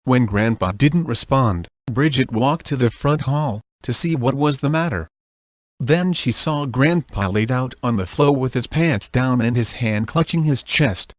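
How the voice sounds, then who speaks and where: Man, story narrator, deadpan, flat delivery, dry sound. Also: medium pitch, measured pace, dry recording. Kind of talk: reading a comic horror story aloud.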